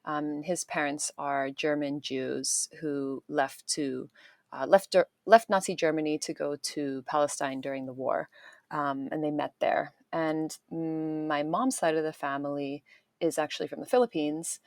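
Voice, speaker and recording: Low-voiced woman from Chicago. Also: steady tone, darkish tone, no echo, studio quality. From Chicago, United States. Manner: thoughtful, many pauses and restarts. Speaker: guest, artist and activist. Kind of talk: interview conversation. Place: home in Japan, remote call.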